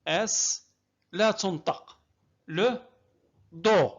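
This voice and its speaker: A woman's voice: mid-range voice, breathy edge. A woman teaching French reading, sounding out words syllable by syllable and praising often. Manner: slow, drawn-out syllables with repeated encouragement. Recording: dull lo-fi recording.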